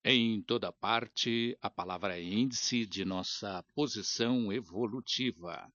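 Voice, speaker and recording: A man hosting a radio program, closing it in a slow, solemn way. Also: on the low side, a bit bright, no room sound. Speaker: radio host. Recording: dry lo-fi radio recording.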